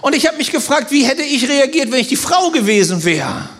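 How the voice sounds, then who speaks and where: A man preaching a sermon as a pastor, telling stories with animated, loud bursts. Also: extremely high pitch, brisk.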